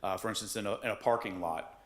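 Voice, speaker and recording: A man presenting a code violation case to a board, polite and halting, answering with ma'am. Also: fairly low pitch. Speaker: code enforcement officer. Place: council chambers. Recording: echoey chamber.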